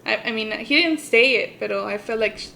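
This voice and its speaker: A woman co-hosting a podcast, telling a personal story and switching between English and Spanish mid-sentence. She rises high and loud when quoting her parents. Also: moderate pace, creaky, slight background noise. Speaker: podcast co-host.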